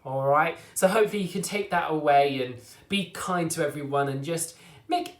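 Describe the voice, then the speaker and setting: A man teaching an online drama class for children, encouraging and reassuring as he drills tongue twisters slowly. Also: fairly high pitch. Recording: echoey room.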